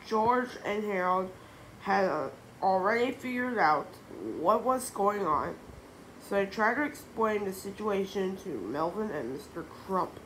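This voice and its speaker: A woman reads a children's book aloud slowly, halting and restarting often. Her pitch moves a lot, and a faint hiss sits behind the voice. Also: animated, fairly bright tone. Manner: halting reading with restarts and slips. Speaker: reader.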